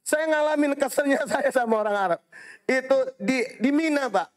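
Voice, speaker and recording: Animated high-voiced preacher. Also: male voice, moderate pace, clear, resonant tone. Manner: animated storytelling, quoting Arabic phrases, addressing audience as Pak, Bu. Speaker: Islamic preacher and hajj guide. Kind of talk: sermon with anecdotes.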